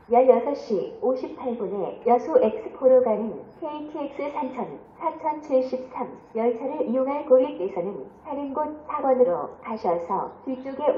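A woman's voice giving a formal train station loudspeaker announcement, in slow, even, clearly spaced phrases. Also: a little high, dull audio. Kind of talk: formal scripted public announcement. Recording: echoey station PA heard from a distance. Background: faint train and platform noise.

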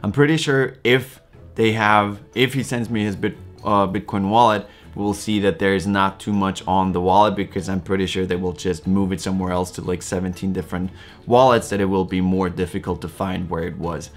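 A man's voice: low voice, fairly even intonation, moderate pace, soft background music. A man casually commenting for a vlog, playful and mock-enthusiastic as he reads messages aloud. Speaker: video creator.

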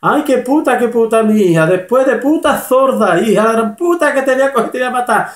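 A shrill, frantic mother yells and curses, as a man puts her on in a joke. The voice is pushed far above a man's normal pitch. It rings out in an echoey room. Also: quick pace, lightly acted. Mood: furious. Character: frantic foul-mouthed mother, middle-aged woman.

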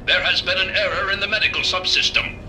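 Glitching medical robot. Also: male voice, sits high, fairly even intonation, fast talker, pushed and bright, soft background music, poor audio. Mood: glitchy procedural. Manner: clipped system announcements. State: malfunctioning, repeating error messages. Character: glitching male medical robot, flat and procedural. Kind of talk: video game character dialogue.

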